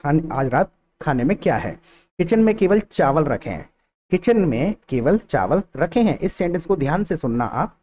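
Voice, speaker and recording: A man gives a spoken English lesson. His voice is mellow and dark in tone but sits a little high in pitch. He explains in Hindi, then says each English example slowly and repeats it, and the recording sounds a bit muffled. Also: big pitch swings. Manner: switches between Hindi explanation and slow, carefully repeated English example sentences. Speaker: English teacher.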